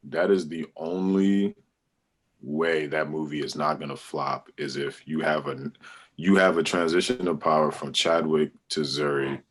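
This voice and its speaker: A man's voice: extremely low pitch, fairly even intonation, measured pace. A man co-hosting a podcast, chatting casually in a blunt, playfully dismissive way. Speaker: podcast co-host. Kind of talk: casual chat.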